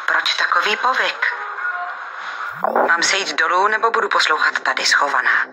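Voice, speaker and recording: A woman's voice: fairly low pitch, animated, noisy background, natural voice. A woman voicing a policewoman detective with a dry inner monologue in an audio detective game. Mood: wary. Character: wary young policewoman detective.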